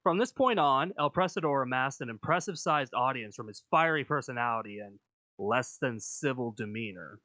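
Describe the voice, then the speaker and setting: A man reading scripted video essay narration in a measured, explanatory manner. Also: mid-range voice, lively intonation, bright, forceful tone, dry recording.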